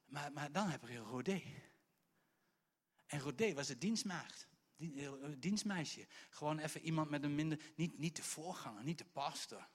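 A male preacher tells a story in a lively sermon, swinging between hushed and loud delivery and restarting with stammers. His voice is husky and on the high side, at a normal speed.

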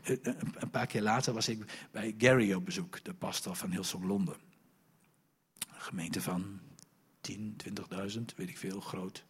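A middle-aged man preaching a sermon, telling stories in an animated, emphatic way. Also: deep voice, a little slow, slightly rough. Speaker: pastor.

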